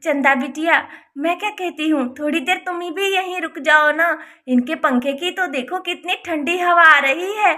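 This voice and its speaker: A woman voicing a fretful, high-voiced village auntie. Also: normal speed, hardly any pauses, bright, forceful tone. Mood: fussing. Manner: rustic speech, worried and scolding. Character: fretful older village aunt, fussy and talkative. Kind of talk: Hindi doll-story voice acting.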